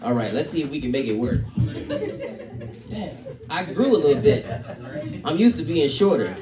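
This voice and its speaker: A male comedian works a live crowd, loud and playful, teasing the audience. His voice sits high and leaps all over the place. The sound is roomy and echoey, caught from a distance. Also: very animated, moderate pace. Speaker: stand-up comedian.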